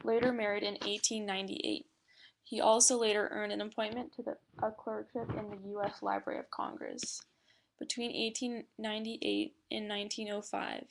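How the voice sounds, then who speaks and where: A woman's voice: medium pitch, creaky, slight background noise. A young woman reading a class presentation aloud from a script, with small slips and fillers. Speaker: student presenter.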